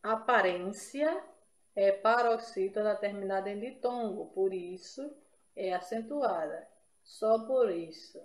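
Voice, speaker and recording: A woman's voice: mid-range voice, takes it slowly, echoey room. A woman from Brazil teaching an exam-prep grammar lesson, explaining step by step and checking in with her listeners.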